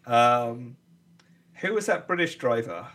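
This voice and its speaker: A man's voice: medium pitch, lively intonation, takes it slowly, fairly bright tone. A man co-hosting a podcast, chatting casually and thinking aloud. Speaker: podcast co-host. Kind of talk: casual chat.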